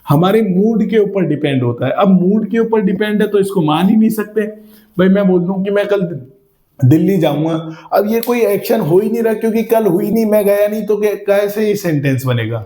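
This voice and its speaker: A man's voice: sits high, moderate pace, mellow, echoey room. A man teaching a grammar lesson to a class, explaining by asking questions and repeating simple examples.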